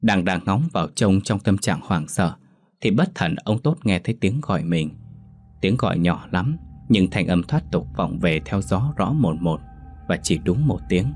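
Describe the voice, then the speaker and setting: Deep-voiced male ghost story narrator. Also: lively intonation, moderate pace, a little mellow, slightly rough.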